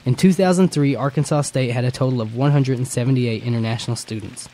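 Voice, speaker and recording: A man reads a scripted news-feature narration in a measured, formal way. His voice is an everyday mid-pitched male voice, delivered steadily and clearly. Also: dark tone, slight background noise. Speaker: narrator and interviewer.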